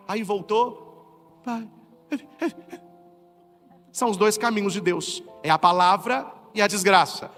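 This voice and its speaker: Lively high-voiced Brazilian priest preaching. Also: male voice, in a large hall. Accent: Brazilian Portuguese. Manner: animated preaching with rhetorical questions. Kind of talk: sermon.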